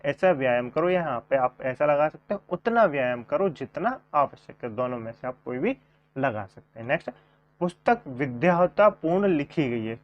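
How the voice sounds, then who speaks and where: Man teaching a coaching class, slightly high voice, dull lo-fi recording, repeats each question and answer. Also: expressive, moderate pace. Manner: repeats questions and answers, addresses viewers as friends. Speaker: Hindi grammar teacher. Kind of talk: online coaching class lesson. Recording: dull lo-fi sound.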